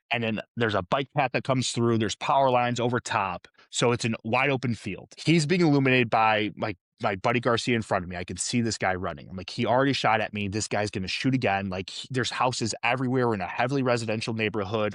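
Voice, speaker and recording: Man, low voice, dry close mic, vivid profane storytelling, young adult. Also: a bit bright, dry recording. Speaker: guest, former police officer. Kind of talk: storytelling in a podcast interview.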